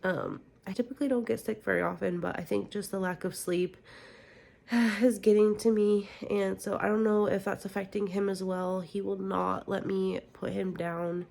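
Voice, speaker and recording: Tired young mom, gravelly voice. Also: female voice, medium pitch, flat delivery, normal speed. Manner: tired, candid, soft-spoken. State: stuffy from a cold. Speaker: vlogger, new mother. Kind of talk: casual vlog chat. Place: home, indoors.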